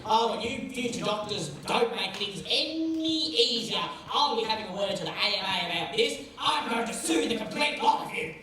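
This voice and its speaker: A woman's voice: a little high, lively intonation, normal speed, few pauses, fairly bright tone. A woman playing an entitled, haughty complainer with an aggrieved manner in a stage comedy sketch. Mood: indignant. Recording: distant, very echoey stage, clear noise.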